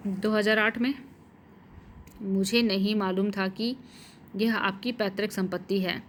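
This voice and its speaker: A woman teaching Hindi spelling and grammar, slowly repeating each word and correct sentence and spelling out the vowel marks. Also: mid-range voice, fairly even intonation, a little hiss or hum. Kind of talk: slow dictation-style lesson.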